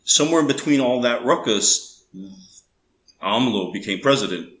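A man's voice: medium pitch, lively intonation, moderate pace, fairly bright tone. A man raised on the border between Texas and Mexico. He is a guest in a casual interview and explains his views earnestly, thinking aloud as he goes. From Texas–Mexico border region. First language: bilingual English and Spanish. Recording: echoey room with faint background noise.

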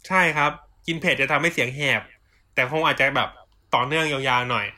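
A young man with a bright, forceful voice hosts a loose chat with friends. He jokes around in crude slang and tacks mock-formal sign-offs onto the ends of his bits. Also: mid-range voice, a little fast. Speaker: podcast host. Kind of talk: casual chat among friends.

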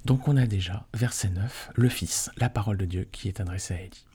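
A Bible teacher with a lowish, fairly quick voice and a breathy edge leads a conversational study session. He reads scripture aloud, then unpacks it informally with plenty of tag questions, warmly calling his listeners friends.

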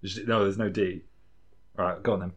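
A man with a fairly low voice co-hosts a casual podcast. He jokes drily and laughs often. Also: steady tone, fairly quick, slightly rough. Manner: laughs often, dry joking. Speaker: podcast co-host. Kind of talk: casual chat.

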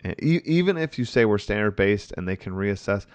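A man's voice: on the low side, expressive, fairly quick, no room sound. A man hosting a conversation, responding with reflective, enthusiastic commentary and thinking aloud.

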